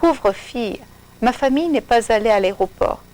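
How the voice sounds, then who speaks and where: A woman voicing Sophie, a friendly, sympathetic fourteen-year-old girl in a storybook, with a gentle manner. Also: fairly high pitch, expressive, normal speed, natural voice, poor audio. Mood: kind.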